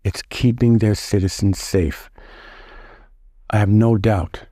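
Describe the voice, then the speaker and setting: Middle-aged guy from the us, lowish dark voice, stops and restarts a lot, dry close sound. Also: fairly even intonation, dry recording. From United States. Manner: halting, with many restarts and repeated words. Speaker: interview guest. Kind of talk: casual interview answers.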